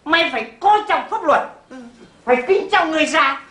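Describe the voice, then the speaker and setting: A man playing a blustering old village official, high and bossy. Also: expressive, a little fast, sharp tone, full character voice. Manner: bossy, blustering, threatens then fawns. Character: blustering older male local official. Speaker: comic actor. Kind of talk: stage comedy sketch. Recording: echoey stage with audience laughter.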